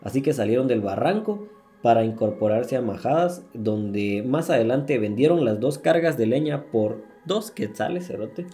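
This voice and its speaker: A man's voice: mid-range voice, expressive, normal speed, dark tone. A man with a Guatemalan Spanish accent hosting a podcast, retelling true-crime cases in a crude, slangy way with swearing and laughter. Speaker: podcast host. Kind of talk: casual true-crime storytelling.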